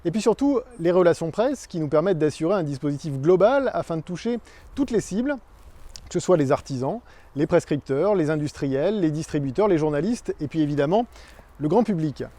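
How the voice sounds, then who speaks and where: A man's voice: on the high side, expressive, fairly quick, warm tone. A man giving a corporate year-in-review presentation as an agency presenter, conversational and often hesitating.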